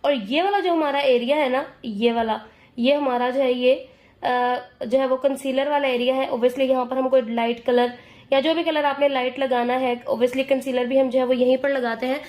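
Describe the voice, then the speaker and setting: Hoarse high-voiced woman teaching makeup. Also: steady tone, normal speed, a little mellow, roomy sound. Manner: patient explaining, frequent check-ins. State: hoarse, straining her voice. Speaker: makeup tutor. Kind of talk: step-by-step makeup tutorial.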